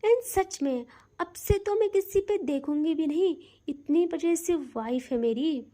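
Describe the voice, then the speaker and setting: A woman's voice: very high voice, measured pace, warm tone. A woman voicing a playful, affectionate young woman who teases and coaxes her upset wife. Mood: coaxing. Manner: teasing, sweet-talking.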